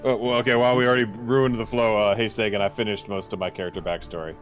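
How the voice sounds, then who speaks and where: A man's voice: fairly low pitch, steady tone, fast talker, soft background music. A man taking part in a tabletop game, chatting in an easygoing way. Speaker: player. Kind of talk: casual tabletop play.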